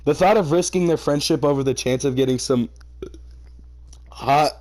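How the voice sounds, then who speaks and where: This host's fairly high, slightly mellow voice moves at a moderate pace as he narrates a fan fiction. Every so often he stops to react with theatrically exasperated, mocking commentary laced with swearing.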